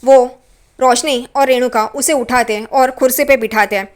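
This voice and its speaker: A woman narrates a TV serial episode as a spoken recap. She retells it briskly and chattily, in a high voice. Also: steady tone. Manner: brisk retelling with "yahan pe" asides.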